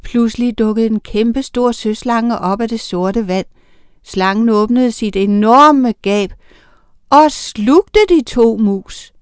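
A woman narrating a children's storybook in a lively, expressive reading voice. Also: fairly high pitch, clean tone, no echo.

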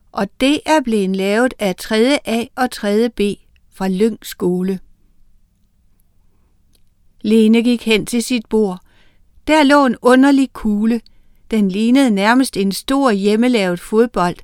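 A woman author reading a children's story aloud on the radio in a clear, measured storytelling manner. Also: medium pitch, darkish tone, no echo, studio quality.

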